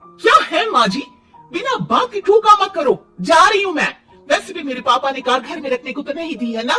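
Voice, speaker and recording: A woman's voice: high-pitched, fast talker, sharp tone. A woman voicing a rude, curt young daughter-in-law in a cartoon story. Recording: distant mic, faint music.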